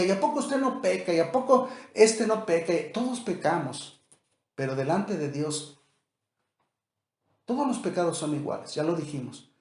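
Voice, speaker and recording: Pastor preaching in an echoey room. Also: male voice, a little high, a little mellow. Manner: conversational preaching, rhetorical questions. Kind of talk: sermon.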